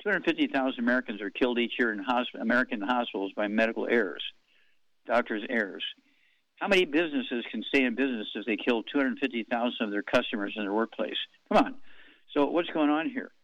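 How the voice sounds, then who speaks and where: A man's voice: medium pitch, animated, a bit bright, dry recording. Casting: man in his eighties, radio host, rambling monologue full of "uh"s, dry close sound, dull lo-fi broadcast quality. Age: 80s. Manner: rambling, slow, reads out figures with many fillers.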